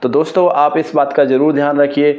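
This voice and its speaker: Speaking a little fast, an Indian man who hosts an explainer video channel offers news commentary, forcefully opinionated and restating his points. His voice sits on the high side with little pitch movement and a darkish tone, captured on a dull lo-fi mic.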